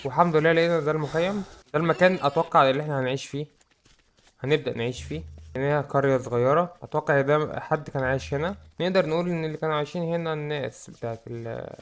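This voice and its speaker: A young man with an Egyptian Arabic accent, giving excitable let's-play commentary and joking about how scared he is. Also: on the high side, fast talker. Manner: excitable, jokes about his own fear. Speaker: gaming YouTuber.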